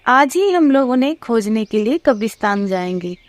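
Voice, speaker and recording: A woman's voice: on the high side, very animated, normal speed. A woman voicing a brave, determined young heroine. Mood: resolute. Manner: firm, resolute.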